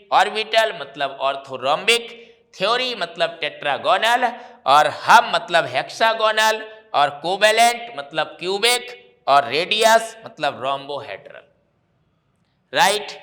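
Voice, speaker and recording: Bright, slow-talking teacher. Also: male voice, sits high, expressive. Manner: repeats key terms and explains them patiently, addresses students as "bhaiya". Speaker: chemistry teacher. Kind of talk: exam revision lecture.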